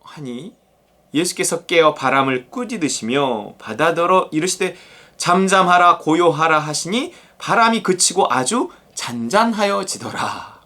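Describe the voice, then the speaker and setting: A male pastor giving a daily devotional sermon in a conversational, animated way. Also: on the high side, unhurried. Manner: animated, conversational, acts out quotes.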